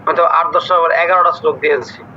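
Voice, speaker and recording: A man's voice: fairly high pitch, steady tone, fast talker, sharp tone, lo-fi sound, a little hiss or hum. A man teaching an online scripture class, strict and scolding as he quizzes his students and corrects their pronunciation.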